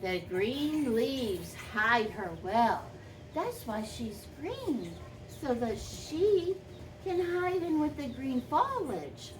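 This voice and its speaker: Lady doing a sweet granny voice reading a kids story, super slow, kinda far from the mic. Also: sits high, full character voice. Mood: tender wonder. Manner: grandmotherly, expressive, lingering on and repeating words. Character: sweet gentle old granny telling a children's story. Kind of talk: children's storytelling. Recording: distant microphone, faint background noise.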